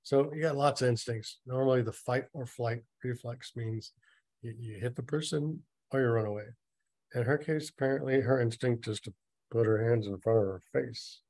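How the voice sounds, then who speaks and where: A man's voice: medium pitch, normal speed, a little mellow, dry recording. A man reading a story aloud and mocking it with sarcastic, nitpicking asides. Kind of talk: sarcastic dramatic reading with commentary.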